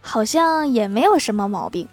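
A woman's voice: a little high, big pitch swings, normal speed, faint music behind. Woman host chuckling through jokes. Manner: chuckles at her own punchlines. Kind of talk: reading jokes on a comedy podcast.

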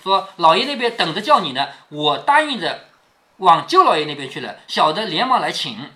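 A man reads a classic novel aloud to his daughter, pausing to explain it in a chatty way and often checking that she's following. His voice sits high and is sing-song and sharp in tone, at a moderate pace.

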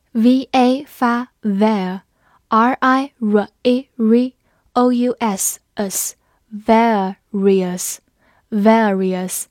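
A young woman teaching English vocabulary, spelling words letter by letter and reading example sentences slowly. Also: fairly high pitch, a little mellow, no echo, clean studio sound. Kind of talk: vocabulary lesson.

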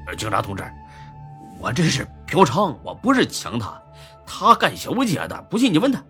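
A man's voice: on the high side, wildly swooping pitch, rapid-fire, bright, forceful tone, faint music behind, voice pushed up, exaggerated voice. A man voicing a whiny, flustered man pleading with police.

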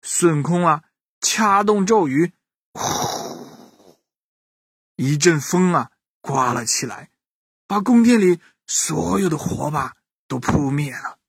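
Slow, animated bedtime storyteller man. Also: a little high, gravelly, husky, no echo, clean studio sound. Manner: animated, addressing children directly. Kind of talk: children's bedtime story narration.

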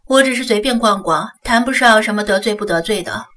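Brief: woman reading an evasive man playing dumb, offhand, breathy, distant mic. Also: medium pitch, a little fast, a bit bright, natural voice. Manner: feigned innocence, offhand. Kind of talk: audiobook character voice.

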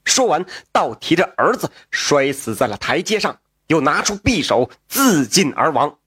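Animated male storyteller, lively pitch. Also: measured pace, slightly rough, dry recording, clean studio sound. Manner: animated, asides to the listener. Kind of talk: traditional storytelling narration.

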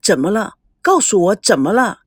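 A woman's voice: medium pitch, sing-song, normal speed, husky, no echo, studio quality. A woman voicing an anxious, persistent young man who speaks earnestly. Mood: worried. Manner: earnest, worried.

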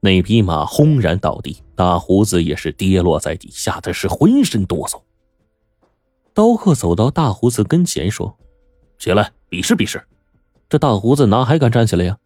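A man telling a folk tale as a storyteller, in a lively, dramatic manner. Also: lowish voice, normal speed, no room sound, clean studio sound, soft background music. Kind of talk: storytelling narration.

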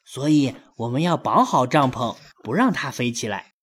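A young boy voicing a cheerful, joking rabbit father from a storybook, forcing his voice down into a gruff, husky tone and drawing out his words playfully. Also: medium pitch, lively intonation, normal speed, voice pushed down. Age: child.

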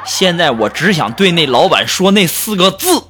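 A man's voice: high-pitched, very animated, moderate pace, background noise. A man hosting a comedy show, telling self-mocking jokes in a chatty way and often laughing as he talks. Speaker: comedy radio host. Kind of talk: comic storytelling monologue.

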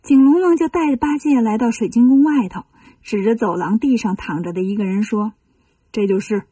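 A woman telling a children's story, reading in a gentle, lively way. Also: on the high side, a little fast, husky, no room sound, distant mic.

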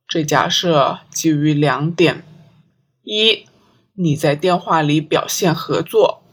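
A composed police inspector reasoning through a case, voice low and deliberate, as a woman reads him in a storybook. He lays out his thinking step by step without hurry. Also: husky, heavily acted. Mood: calm. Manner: calm, measured. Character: calm, analytical male police inspector.

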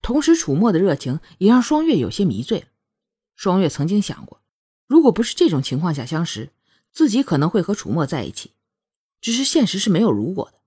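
A woman narrating a romance novel chapter in an expressive storytelling manner. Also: on the low side, a little fast, breathy edge. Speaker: audiobook narrator. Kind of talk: scripted narration.

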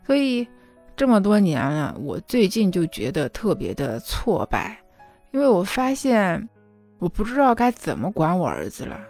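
A mother in her thirties tells a personal story in an earnest, emotional monologue, confiding in the listener and often checking in with them. Her medium-pitched, slightly mellow voice moves at normal speed with huge pitch swings, over soft background music.

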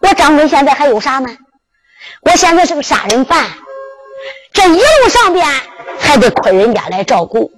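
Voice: high-pitched, big pitch swings, moderate pace, long pauses, a bit bright, soft background music, rough recording. A storyteller with a Henan accent, chanting and narrating a Henan zhuizi tale.

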